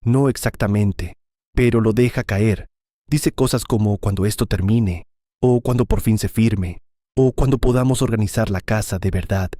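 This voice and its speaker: A man's voice: fairly low pitch, moderate pace, warm tone, no room sound, studio quality, close to an everyday voice. A man voicing a worried, blunt teenage son in a storybook.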